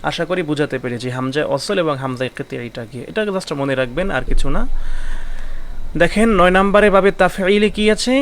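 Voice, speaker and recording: A man's voice: on the high side, a little fast. Man teaching Arabic grammar patiently. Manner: explains patiently, repeats key terms and asks rhetorical questions. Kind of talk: online lesson.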